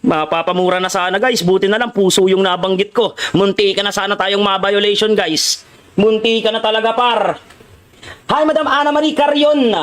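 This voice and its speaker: High-voiced Filipino man streaming a game. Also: fairly even intonation, brisk, smooth. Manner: playful, teasing, shouts shoutouts to viewers. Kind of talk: live gameplay commentary.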